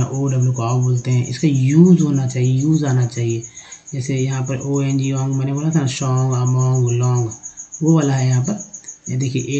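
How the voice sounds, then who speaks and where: A man with a mellow, relaxed voice teaches a lesson, spelling out letters slowly and going back over each point. He talks straight to his viewers, and faint insect chirps sit behind his voice. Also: medium pitch, low-quality recording. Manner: slow, repetitive explaining. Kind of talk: English phonics lesson in Hindi.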